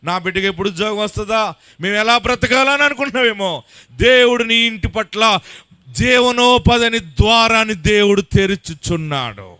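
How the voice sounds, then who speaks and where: A man preaching a live sermon as pastor, fervent, rising to shouts and sometimes half-singing his phrases, urging the congregation to clap and shout. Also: sits high, lively intonation, fairly quick, smooth.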